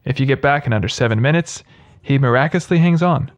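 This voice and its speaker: A man's voice: mid-range voice, quick pace. A man narrating scripted humorous commentary as a video host, in a sarcastic, mocking manner.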